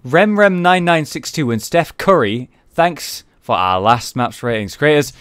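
A man's voice: a little high, animated, unhurried, fairly bright tone, smooth. A man hosting a casual gaming chat, rambling and cutting himself off as he talks. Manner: rambling, self-interrupting. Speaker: host.

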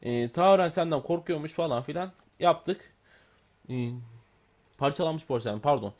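A man talks through his gameplay in a casual commentary. His voice sits a little high for a man, and he rambles with fillers, corrects himself as he goes and mutters quietly to himself between lines. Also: normal speed. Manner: chatty, thinks aloud, many fillers and self-corrections. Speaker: gaming YouTuber.

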